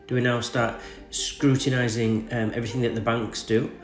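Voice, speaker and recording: Male host, English accent, groggy with a head cold, mid-pitched, news commentary in an echoey room over music. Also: little pitch movement, moderate pace. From England. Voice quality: slightly groggy, congested from a cold. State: sore throat from a cold. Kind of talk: reading an article aloud with off-the-cuff commentary.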